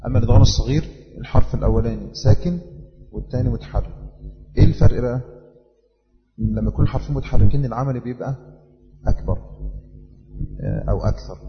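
A man with an Egyptian accent teaching the rules of Quran recitation in a measured way, repeating each rule as he explains it. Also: medium pitch, long reverb tail, muffled recording. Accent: Egyptian Arabic. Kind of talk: tajweed lesson.

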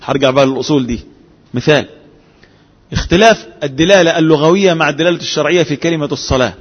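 A man with an Egyptian accent teaches a jurisprudence class. He often checks with his students and answers his own questions, in a fairly high voice. The sound is dull and lo-fi, with long reverb from a hall. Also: racing, husky. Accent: Egyptian Arabic. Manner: asks the class rhetorical questions, mixes formal and colloquial speech. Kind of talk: classroom lecture.

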